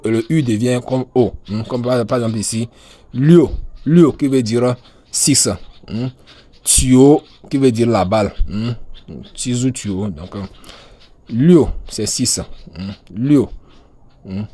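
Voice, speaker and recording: A man giving a calm, hesitant pronunciation lesson, with many fillers and hums between words. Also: fairly low pitch. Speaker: language teacher.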